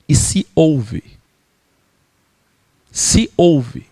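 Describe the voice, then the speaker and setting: A man from Brazil gives an animated lecture to church teachers, now and then mimicking preachers. His voice sits a little high and has a gravelly, fry-tinged edge. The sound is dry and close. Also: no echo.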